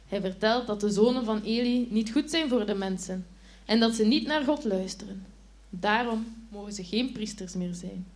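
A woman teacher telling a Bible story to children in a lively, expressive way, asking them questions as she goes. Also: medium pitch.

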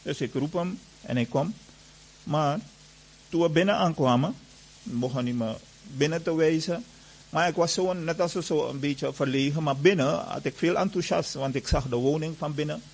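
A man's voice: a little high, vocal fry, a little hiss or hum, poor audio. A man giving an earnest personal testimony to an audience, retelling events with lots of reported dialogue.

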